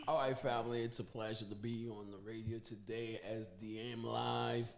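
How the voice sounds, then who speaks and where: A man's voice: mid-range voice, little pitch movement, normal speed, creaky, a little hiss or hum. A man in his forties from Haiti, an upbeat radio show guest who laughs easily and restarts his words while telling his story. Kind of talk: casual radio interview.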